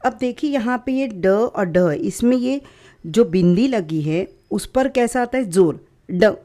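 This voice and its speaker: A woman teaching young children in a very slow, unhurried voice, sounding out each letter patiently. She mixes English words into her explanations. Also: medium pitch, expressive, warm tone. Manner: slow, patient, syllable-by-syllable drilling. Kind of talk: children's lesson.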